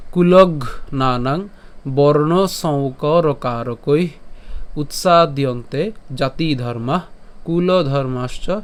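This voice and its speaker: Clear-voiced Bengali man teaching verse recitation. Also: on the high side, a little mellow. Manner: slow, syllable-by-syllable chanting of verses between explanations; asks and answers his own questions. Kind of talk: step-by-step pronunciation lesson.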